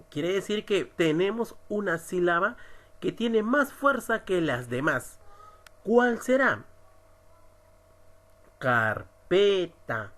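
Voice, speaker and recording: Slow, emphatic man teaching a lesson. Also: fairly high pitch, a bit bright. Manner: slow, emphatic, stresses syllables. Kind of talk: recorded online lesson.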